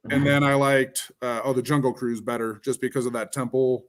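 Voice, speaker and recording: A man's voice: medium pitch, steady tone, brisk, a crowd in the background. A man in casual live-stream chat, rambling with frequent restarts and fillers.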